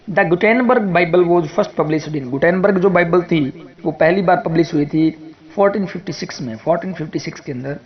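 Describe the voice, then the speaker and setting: A man with an Indian accent teaching English literature exam questions. He reads each question slowly in English and then explains it quickly in Hindi. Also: fairly high pitch, highs cut off. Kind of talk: exam prep lecture.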